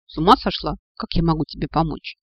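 A man's voice: a little high, fast, slightly rough, no room sound, muffled recording. A man voicing a grumpy, scolding male talking blade in an audiobook. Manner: grumbling, scolding, impatient.

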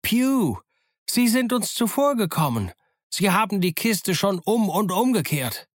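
A man doing a rough pirate shouting down. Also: high voice, sing-song, measured pace, no echo, studio quality, pitched above the performer's own voice, heavily acted. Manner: calling down loudly.

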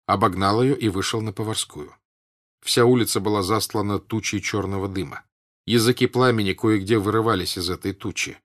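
A man narrating a classic novel in a measured, steady audiobook reading. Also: lowish voice.

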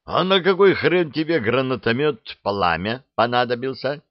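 A man's voice: medium pitch, animated, moderate pace, no echo, voice pushed up, natural voice. A man voicing a brash young hero who exclaims in disbelief, on a dry, dull recording. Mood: incredulous. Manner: exclamatory, incredulous.

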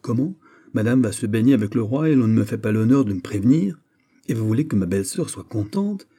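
Guy doing a petulant jealous prince, whiny, gets shrill, dark husky tone. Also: lively intonation, fairly quick. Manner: whining, sulky, rising to shrill outbursts. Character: petulant jealous royal prince, young man.

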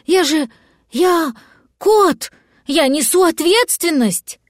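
A woman voicing an anxious, fatherly male cat in a storybook, excitable and fussy. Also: a little high, measured pace, dry recording, studio quality. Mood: fretful.

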